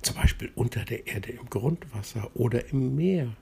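A man's voice: medium pitch, lively intonation, normal speed, creaky, warm tone, slight background noise, voice pushed up. A man voicing a cheerful, knowing male water drop who explains things to his friend in a bedtime story.

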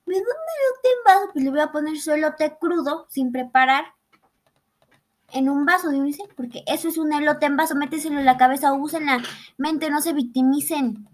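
A woman's voice: sits high, steady tone, brisk. A young Mexican woman rambling sarcastically through a playful, comedic explainer. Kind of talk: casual comedic explainer monologue.

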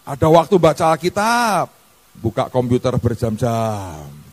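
A man preaching. His casual sermon rises into loud, sung-out peaks and drops to quiet low asides as he talks straight to his listeners. His pitch sits in an ordinary middle range for a man. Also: huge pitch swings, unhurried. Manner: casual colloquial preaching that keeps calling out "saudara". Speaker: pastor.

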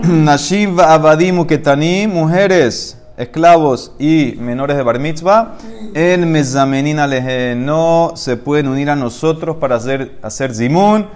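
A man's voice: a little high, unhurried, a little mellow. Man teaching a Talmud class. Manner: explains step by step, mixing Hebrew and Aramaic phrases.

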